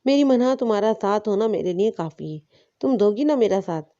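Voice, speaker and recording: A woman's voice: mid-range voice, expressive, warm tone, lo-fi sound, natural voice. A woman voicing a scheming young husband who sweet-talks his wife. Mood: coaxing. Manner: sweet-talking, persuasive.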